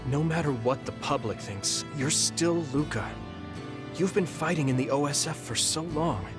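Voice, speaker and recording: A man plays a sincere, reassuring young soldier full of earnest loyalty in cutscene dialogue, with game music in the background. His voice sounds natural and fairly high, at a moderate pace.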